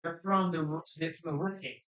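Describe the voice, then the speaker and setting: Game master, mid pitch, rambling and profane, echoey room sound. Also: fairly even intonation, fairly quick, fairly bright tone. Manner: loose, rambling, profane narration. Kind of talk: narrating a tabletop game.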